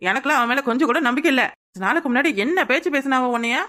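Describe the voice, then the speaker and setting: A woman's voice: sits high, pushed and bright. A woman with a southern Tamil Nadu accent voicing a gossiping younger village woman who nags with suspicion in a cartoon. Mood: nagging. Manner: quick, nagging, suspicious. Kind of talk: cartoon voice acting.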